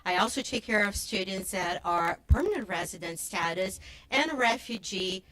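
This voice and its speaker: An earnest woman explains her work as a student advisor. She pauses often on fillers as she searches for words, and her voice sits in a middle register. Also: medium pitch, expressive, a bit bright, slight background noise.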